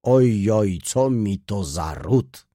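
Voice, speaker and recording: A man voicing a jovial, sarcastic middle-aged shopkeeper who teases in a calm, mocking tone. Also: fairly low pitch, unhurried, no echo, clean studio sound, heavily acted. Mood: teasing. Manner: teasing, sarcastic tone.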